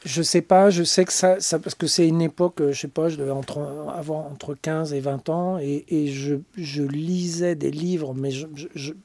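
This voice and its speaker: A man's voice: on the high side, fairly even intonation, normal speed, hardly any pauses, darkish tone, no echo. A man from the Paris suburbs, casually recalling his own past in a loose, self-interrupting way. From Paris suburbs, France. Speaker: panel guest. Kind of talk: casual personal recollection.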